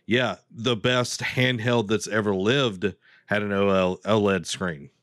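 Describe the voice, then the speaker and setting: Low, smooth-voiced man, blunt. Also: steady tone, fairly bright tone, dry recording, clean studio sound. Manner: blunt, opinionated, halting with fillers. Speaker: co-host. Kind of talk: casual gaming news chat. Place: home room with bookshelves. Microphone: video call headset.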